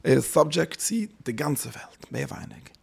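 A man giving a spoken religious lecture as a teacher, halting and searching for words, often dropping in English terms. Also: on the high side, animated, gravelly, husky.

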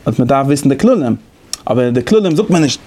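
Fast-talking male lecturer. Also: mid-range voice, expressive, mellow. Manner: explains conversationally, thinking aloud. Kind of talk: lecture on interpretation methods.

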